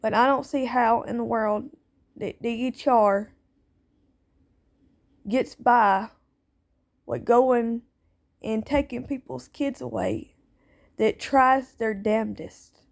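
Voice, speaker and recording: A woman with a slightly high voice speaks slowly, pausing often, in a personal monologue as a parent. She sounds plaintive and aggrieved, repeating herself and using nonstandard grammar.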